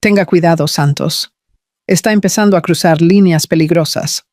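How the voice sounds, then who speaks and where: A man's voice: on the high side, moderate pace, darkish tone, no echo, natural voice. A man playing a proud, jealous boss who speaks in dry, curt remarks. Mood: low guarded.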